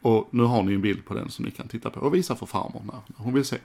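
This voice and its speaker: A man's voice: mid-range voice, vocal fry, a little mellow. A man giving casual, frank commentary as a music collector, swearing casually as he talks through old footage.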